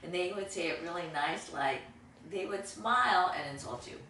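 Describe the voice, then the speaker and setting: Low-voiced woman, off-mic in an echoey room. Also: animated, moderate pace, bright, forceful tone. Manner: explaining with examples, affirming. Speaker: co-host. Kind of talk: casual discussion. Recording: distant echoey room with faint noise.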